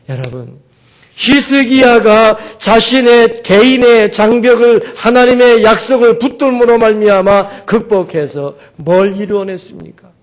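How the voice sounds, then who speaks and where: Man, pastor, high voice, emphatic sermon, loud exclamations. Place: church.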